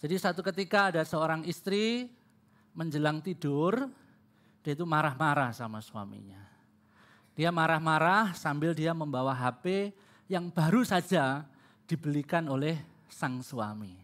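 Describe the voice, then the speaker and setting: A man's voice: on the high side, animated, a little slow, pauses often, fairly bright tone. A male pastor preaching a sermon in a church, telling stories and addressing the congregation directly. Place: church, live-streamed.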